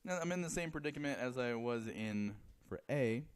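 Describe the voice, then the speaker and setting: A man's voice: mid-range voice, animated, normal speed, smooth. A man teaching chemistry in a classroom, joking with students and counting aloud as he draws. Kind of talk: classroom lecture.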